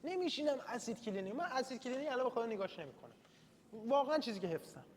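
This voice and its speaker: A male university lecturer runs an informal study session in a classroom, chatty and self-deprecating, mixing in English terms he reads out. His voice is very high with big pitch swings, and the room is reverberant with faint background noise.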